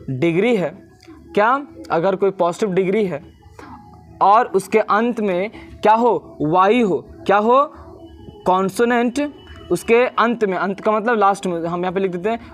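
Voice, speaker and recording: Male teacher, high-pitched, quizzes students with repeated questions while drilling a rule. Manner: drills by repetition. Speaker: grammar teacher. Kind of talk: classroom lecture.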